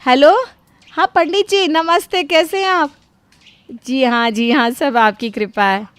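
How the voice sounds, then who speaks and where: Woman voicing a scheming young wife in an audio story, sly and loud. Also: mid-range voice, brisk, no room sound, lightly acted. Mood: fake cheerful. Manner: sly, loud fake phone talk. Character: scheming older sister-in-law, young woman.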